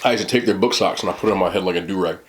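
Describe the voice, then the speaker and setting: A man with a fairly low voice hosts a casual mukbang. He rambles in joking, slangy chat and keeps talking between bites of food. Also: rapid-fire, slight background noise. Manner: talks between bites while eating. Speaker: mukbang host. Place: small indoor room, seated at a table.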